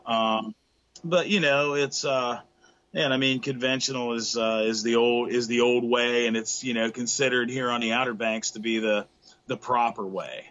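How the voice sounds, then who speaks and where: A man's voice: mid-range voice, fairly even intonation, moderate pace, a bit bright, muffled recording. A middle-aged man explaining surf fishing technique on a video call from a tackle shop, with lots of fillers and restarts. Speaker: guest fishing expert. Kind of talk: casual video-call interview. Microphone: laptop webcam on a video call.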